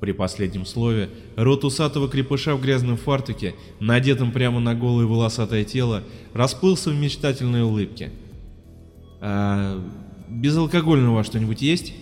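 A man narrating a humorous story aloud and lively voicing the characters' lines. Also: fairly quick, hardly any pauses. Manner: lively, shifts pitch for quoted characters. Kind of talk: audiobook reading, voicing characters. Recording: long reverb, faint music behind.

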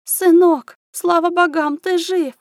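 A woman's voice: very high voice, fairly even intonation, slow pace, no echo, clean studio sound, pitched above the performer's own voice, heavily acted. A woman voicing a haughty noble countess and hysterical mother who screeches in outrage. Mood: shrill outrage.

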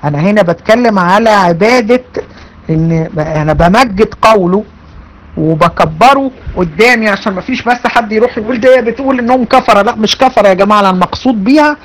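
A woman's voice: mid-range voice, fast, low-quality recording. Emphatic Egyptian woman teaching religion. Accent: Egyptian Arabic. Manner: emphatic, repeats phrases, addresses students directly. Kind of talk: online religious lecture.

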